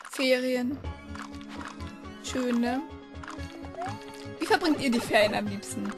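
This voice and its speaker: A woman's voice: fairly high pitch, slow. A young woman chatting casually while playing a video game, rambling and breaking into frustrated outbursts. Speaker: let's player. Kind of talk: casual gameplay commentary. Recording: game music playing behind the voice.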